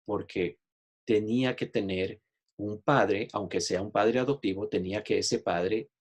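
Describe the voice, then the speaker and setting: Husky-voiced man teaching a Bible lesson. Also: on the low side, a little slow. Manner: explanatory, repeats "¿ok?" to check understanding; shares screen while teaching, online class. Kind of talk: Bible study lecture.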